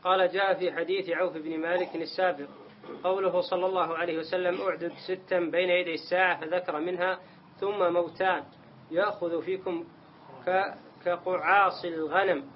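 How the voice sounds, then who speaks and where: Student reader with a high voice, careful and formal, on a muffled recording. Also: male voice, little pitch movement, fairly quick. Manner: careful, formal reading with short questions to the teacher. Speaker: student reading the text aloud. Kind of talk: reading texts aloud in a lesson. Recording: dull lo-fi sound with faint noise.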